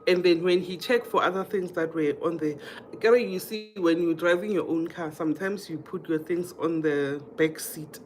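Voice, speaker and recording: Her voice sits on the low side, slightly mellow, moving at a normal speed against slight background noise. A woman from Mpumalanga with a South African accent, she hosts a casual livestream, reading viewer comments, relating anecdotes and frequently repeating herself.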